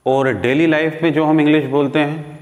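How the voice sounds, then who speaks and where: A man teaching an English grammar lesson, explaining rules step by step and repeating examples slowly. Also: on the high side, little pitch movement. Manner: slow, drawn-out teaching delivery with repeated examples. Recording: echoey room with long reverb.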